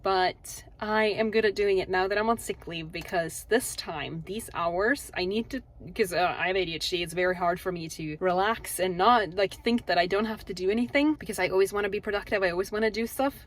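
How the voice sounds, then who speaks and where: A woman's voice: mid-range voice, a little fast, hardly any pauses. A young woman vlogging casually about her day, chatty and candid with small laughs, tired and a little out of breath. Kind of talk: casual vlog chat.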